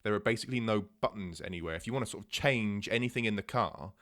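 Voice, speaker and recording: Low-voiced man in halting tech chat. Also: a bit bright. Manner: halting, many restarts and fillers. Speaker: podcast co-host. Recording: podcast mic.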